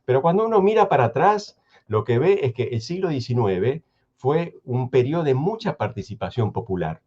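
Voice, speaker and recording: A man with an Argentine Spanish accent talks in a thoughtful radio conversation. His voice sits at a middle pitch and comes through slightly dull, lo-fi audio. He speaks in a measured, hesitant way and often restarts his sentences. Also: sing-song, a little mellow, breathy edge. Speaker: guest historian.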